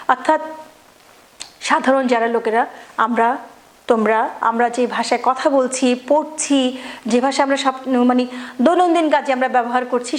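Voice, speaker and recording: A woman teacher giving a classroom grammar lesson, explaining step by step, often rephrasing and pausing with fillers. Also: sits high. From Bangladesh.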